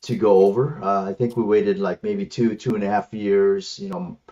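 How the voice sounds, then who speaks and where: A Filipino man whose native language is Ilocano, a martial arts instructor, casually recounts his life as an interview guest. His voice is lowish and dark, at a moderate pace. He speaks over a headset on an online call, so the lo-fi audio sounds slightly muffled.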